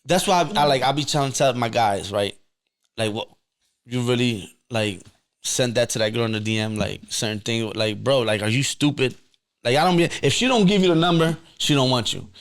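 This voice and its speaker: A young man hosting a podcast, chatting casually and giving blunt, animated advice in slang. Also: medium pitch, moderate pace. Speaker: podcast host. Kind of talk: casual chat.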